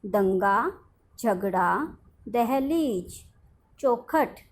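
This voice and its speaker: A woman's voice: a little high, animated. A woman teacher, giving a lesson to a primary school class, reading out words one by one and explaining them. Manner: slow, dictating words one at a time with explanations.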